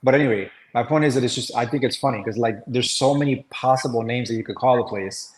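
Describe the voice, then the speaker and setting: A man's voice: medium pitch, quick pace, rough recording. Chatty man on a casual call. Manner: rambling, restarts, many fillers. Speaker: webinar host. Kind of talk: casual chat.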